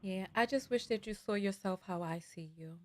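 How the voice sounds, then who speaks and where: A woman's voice: medium pitch, moderate pace, darkish tone. Earnest woman host asking probing questions. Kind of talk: call-in advice show.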